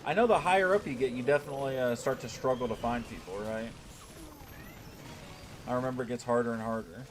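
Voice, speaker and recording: A man's voice: medium pitch, fast, slight background noise. An American man chatting casually on a gaming live stream, reading chat aloud and tossing in a lot of "right?". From United States. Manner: laid-back, reads chat aloud, tag questions like "right?".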